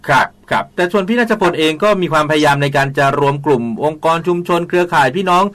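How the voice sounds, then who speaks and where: Fast-talking Thai radio host man. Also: fairly high pitch, fairly bright tone. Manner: polite, frequent short acknowledgments. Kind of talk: community radio talk show.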